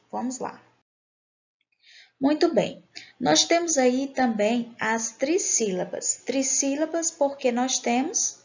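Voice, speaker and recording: Slow, gravelly woman teacher. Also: on the high side, a little mellow. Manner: patient, asks questions and answers them herself. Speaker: grammar teacher. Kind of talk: recorded online class. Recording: dull lo-fi recording.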